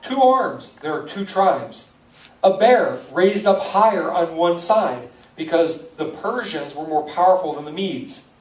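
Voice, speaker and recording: A male pastor gives a verse-by-verse Bible lesson in a loose, conversational way, pausing to work out names aloud. His voice sits a little high and sounds far from the mic, and the church hall around him rings with echo. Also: expressive. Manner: conversational, thinks aloud, self-correcting on names.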